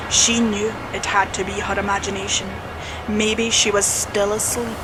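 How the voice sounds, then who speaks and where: A woman narrating a horror story slowly and dramatically, dropping to a hush at tense moments. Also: mid-range voice, flat delivery, noisy background. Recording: spooky music bed under voice.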